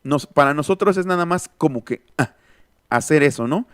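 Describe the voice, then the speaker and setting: A man with a Mexican accent gives an online linguistics lesson, thinking aloud and stopping to read out and answer students' comments. His voice is smooth and resonant. It is recorded close and dry, with no room sound. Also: fairly high pitch, brisk, dry recording. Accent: Mexican Spanish. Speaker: linguistics teacher. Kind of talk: online lecture. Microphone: close mic, online class.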